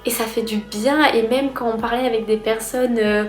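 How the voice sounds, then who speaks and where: A woman's voice: on the high side, steady tone, moderate pace, soft background music. Chatty young woman in an echoey room. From France. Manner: chatty and enthusiastic. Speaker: student vlogger. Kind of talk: casual vlog talk to camera.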